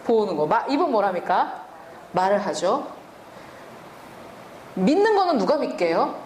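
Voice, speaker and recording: A woman's voice: mid-range voice, big pitch swings, measured pace, a little mellow, echoey room, slight background noise. A woman preaching a sermon and teaching from the Bible, asking the listeners questions and answering them herself.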